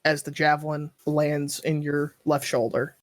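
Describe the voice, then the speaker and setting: Low-voiced woman running the game. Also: level tone, measured pace, dry recording, studio quality. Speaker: game master. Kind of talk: narrating a tabletop game.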